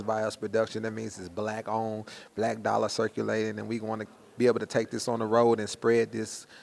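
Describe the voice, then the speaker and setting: This man has a gravelly, lowish voice. He interviews guests in a loose, hyped-up style, peppering his talk with slang and constant "man" and "yo" while plugging a stage play.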